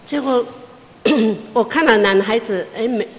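Woman telling a testimony in a reverberant hall. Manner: pauses and restarts, pitch climbs as she relives the tension. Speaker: mother giving a personal testimony. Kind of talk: emotional spoken testimony.

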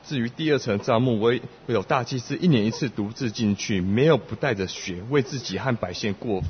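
Man, sermon interpreter, steady phrase-by-phrase delivery, lo-fi recording. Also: medium pitch, fairly quick, a little hiss or hum. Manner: repeats each phrase in plain steady wording. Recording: lo-fi recording with long hall reverb.

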